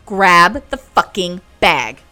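A woman's voice: on the low side, sing-song, slow, pushed and bright, soft background music, exaggerated voice. A woman playing a tough, commanding, foul-mouthed survivor leader, blunt and sardonic, in an audio drama. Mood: urgent, commanding.

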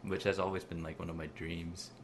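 A young man chatting casually with friends as a podcast co-host, easygoing and quick to laugh at himself. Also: sits low, flat delivery, a little hiss or hum. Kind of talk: casual chat.

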